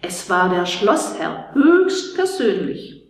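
Slow woman reading a bedtime story. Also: medium pitch, big pitch swings, recorded from a distance. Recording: echoey room.

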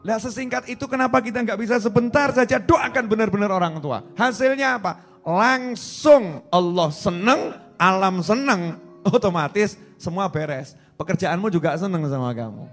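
Animated high-voiced male preacher. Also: moderate pace, faint music behind. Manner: animated, switches between soft asides and loud emphatic repetition, chants prayers. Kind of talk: sermon.

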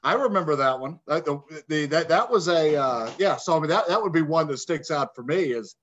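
A man's voice: a little high, lively intonation, fairly quick, fairly bright tone, lo-fi sound. A man, a radio broadcast partner, chatting casually on a video call and stammering a little as he talks. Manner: stammering, laughs easily.

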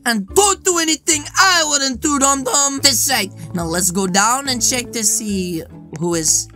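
A young man playing an excitable, easily scared goofy kid hero in gaming role-play, with exaggerated reactions. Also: extremely high pitch, unhurried, soft background music, exaggerated voice. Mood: goofy, bossy. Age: young adult. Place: small decorated indoor gaming room.

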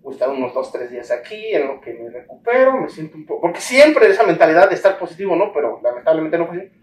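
A man's voice: a little high, fast talker. Mexican man telling his story animatedly. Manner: animated storytelling, acts out the dialogue he recalls. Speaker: interviewee. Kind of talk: personal account in an interview. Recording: roomy echo, distant mic, faint ambience.

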